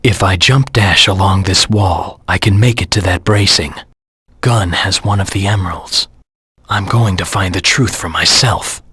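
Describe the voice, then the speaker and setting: A man voicing a brooding, vengeful hedgehog antihero in a video game, terse and stern, with a gravelly, husky low voice. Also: unhurried, pushed and bright, no echo, clean studio sound, exaggerated voice. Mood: terse, alert, then menacing, determined. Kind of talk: dramatic video game voice acting.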